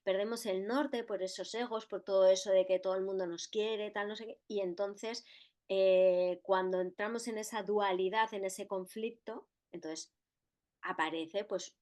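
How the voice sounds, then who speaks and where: Woman co-host, reflective and rambling, steady mid pitch, full of fillers. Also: unhurried. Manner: rambling, many fillers and tag questions. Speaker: podcast co-host. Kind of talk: reflective casual conversation.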